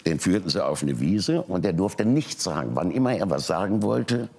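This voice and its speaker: An older man, a talk show guest, telling a personal family story and acting out the people he quotes. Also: normal speed. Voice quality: very deep, gravelly and husky. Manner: animated retelling, voicing quoted people.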